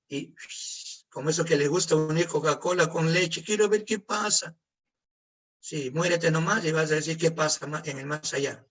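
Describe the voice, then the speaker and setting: A man teaches an online chemistry lesson, firing questions at his students and answering them himself with joking asides. His voice sits a little high and sounds husky. The call audio is distant, as if he is set back from his computer mic. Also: fairly bright tone. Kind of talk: online class lecture. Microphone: computer mic on a video call.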